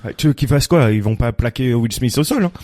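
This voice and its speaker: A man's voice: mid-range voice, expressive, a little fast, warm tone. A man co-hosting a casual podcast in a slangy, offhand way. He has a mid-range voice, recorded close and dry with no room echo. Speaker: podcast co-host. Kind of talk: casual chat.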